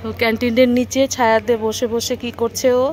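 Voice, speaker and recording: A woman's voice: fairly high pitch, level tone, fairly quick, darkish tone. A woman vlogging outdoors on a college campus, talking casually and coaxing a dog in baby talk. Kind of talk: casual vlog narration.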